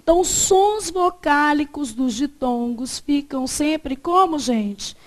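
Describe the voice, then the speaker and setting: A woman's voice: high-pitched, lively intonation, slow pace. A woman with a Brazilian accent teaching a grammar class, asking the students to fill in words and repeating the answers. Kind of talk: classroom lecture.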